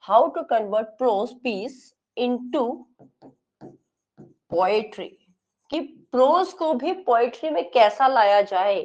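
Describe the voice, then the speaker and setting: Woman exam lecturer, highish voice, slow dictation style, lo-fi classroom recording. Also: expressive. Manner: dictates notes slowly, stretching English phrases word by word; explains in quick Hindi with frequent checks like "ठीक है?". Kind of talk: classroom lecture mixing Hindi and English.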